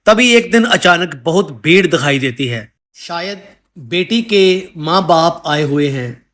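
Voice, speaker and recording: A male storyteller reads a sad moral tale in a measured, solemn manner. His pace is very slow and unhurried, and his voice sits a little above the usual male pitch. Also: animated, fairly bright tone. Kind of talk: scripted story narration.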